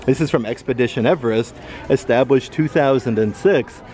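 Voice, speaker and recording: An upbeat man talks his way casually through a store, chatty and full of little fillers. His voice sits at a middling pitch, picked up by a handheld camera indoors. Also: moderate pace, darkish tone. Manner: upbeat, lists prices, many fillers like "uh" and "like". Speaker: vlogger. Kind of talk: casual shopping walkthrough narration.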